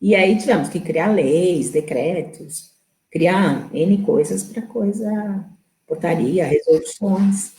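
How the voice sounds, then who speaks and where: A woman's voice: lowish voice, slow, dark tone. A woman, a guest in a live web interview, telling a story and acting out the people she quotes. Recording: roomy echo.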